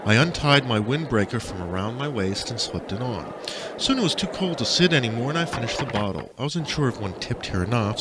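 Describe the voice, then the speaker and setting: A man with a medium-pitched voice narrates first-person fiction as an audiobook reader, delivering it in an expressive, dramatic way, with background noise in the recording.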